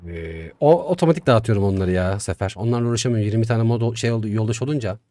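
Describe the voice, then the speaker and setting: A gaming YouTuber, a young man with a fairly low voice, offers casual, chatty commentary while playing a strategy game, talking to himself and swinging excitably. Faint music plays behind him.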